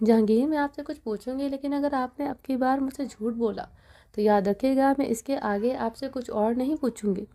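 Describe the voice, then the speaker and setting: A woman's voice: sits high, fairly even intonation, warm tone. A woman voicing a young wife who confronts her husband emotionally in an audio novel reading. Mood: hurt. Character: young wife, hurt and defiant.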